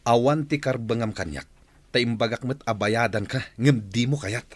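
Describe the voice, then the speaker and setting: A man with an Ilocano accent playing an angry, cold married man with a husky voice in a radio drama. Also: mid-range voice, moderate pace, natural voice. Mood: irritated.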